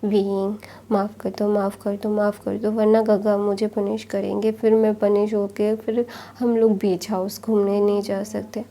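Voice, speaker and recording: A woman's voice: medium pitch, little pitch movement, a little slow, dark tone, close to an everyday voice. A woman voicing a doting young husband who teases and pleads, in a story reading. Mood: pleading. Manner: teasing, then pleading.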